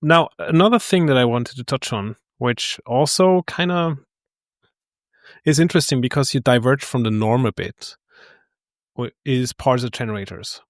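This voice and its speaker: A man hosts a technical interview and asks his questions in a measured, deliberate way. His voice sits at a middle pitch. The recording is dry, with little room sound. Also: no echo. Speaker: podcast host.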